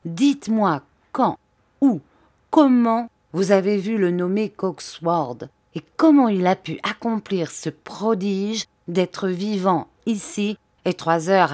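A woman reading aloud who voices a precise, careful male police officer, speaking in a measured, pleading way. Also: mid-range voice, a little mellow, no room sound.

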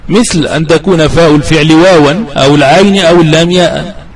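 A man lectures on grammar in a slightly raised voice. He stretches each example word slowly and deliberately, as if dictating to students. He repeats rules for emphasis and asks questions only to answer them himself. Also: a little high, a crowd in the background, poor audio. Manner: slow, deliberate drawing-out of example verb forms. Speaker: grammar teacher. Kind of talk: explanatory lecture on classical grammar.

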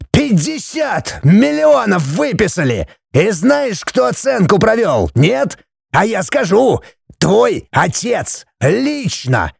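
A man voicing a stern middle-aged judge and father in an audiobook, speaking slowly and heavily as he lectures his family. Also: mid-range voice, warm tone, no echo, clean studio sound. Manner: slow, weighty, lecturing. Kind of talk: audiobook character voice.

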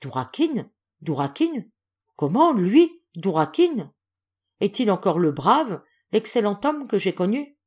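A man's voice: sits high, very animated, slow pace, a little mellow, husky, full character voice. A woman reading aloud as a starving, exhausted man who pleads in a weak, faltering voice. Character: starving exhausted stranger, a lost prince.

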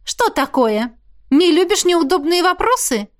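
A woman's voice: very high voice, big pitch swings, voice pushed up, full character voice. A woman reading an audiobook, voicing a pushy, jealous young woman who studies magic and talks with an indignant, prying edge. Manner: indignant, prying, quick to raise her voice. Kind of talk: audiobook character voice.

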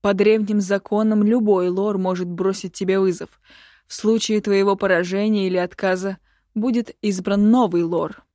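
A woman's voice: mid-range voice, fairly even intonation, moderate pace, warm tone, no echo, clean studio sound, close to an everyday voice. A woman voicing a proud nobleman who defies the emperor with firm, raised declarations. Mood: defiant. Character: proud defiant nobleman, a father standing up to the emperor.

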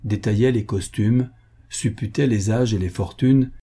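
A man narrating a novel as an audiobook in a measured, even storytelling manner. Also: lowish voice, breathy edge.

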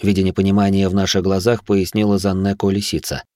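A man with a fairly low voice reads a first-person adventure audiobook, with a dry, wry edge. The recording is close and dead, with no room sound. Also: level tone, fast, a little mellow, no echo. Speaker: audiobook narrator.

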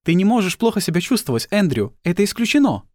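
Guy putting on a high squealy rich lady, bouncy and flirty, storybook style, dry sound. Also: big pitch swings, fast, darkish tone, no room sound. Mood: coaxing. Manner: high, bubbly, exclaiming. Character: cheerful flirty wealthy middle-aged woman.

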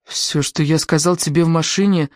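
A reader voicing a desperate young man who shouts and pleads, pushy and raw. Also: medium pitch, fairly even intonation, moderate pace, no room sound, clean studio sound, natural voice.

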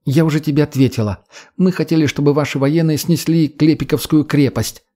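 A man's voice: on the high side, steady tone, fairly quick, pitched above the performer's own voice, close to an everyday voice. A man voicing a defiant, sneering young redheaded woman in an audiobook. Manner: mocking, sharp-tongued. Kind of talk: audiobook character voice.

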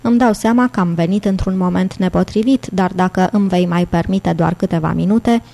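A woman narrator voicing a middle-aged male professor who speaks calmly and politely. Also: medium pitch, natural voice. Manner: calm, polite.

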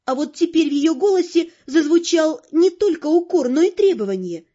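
High, mellow woman's voice reading an audiobook with wry expression. The sound is dull and lo-fi, and her narration stays scripted throughout. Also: animated, normal speed.

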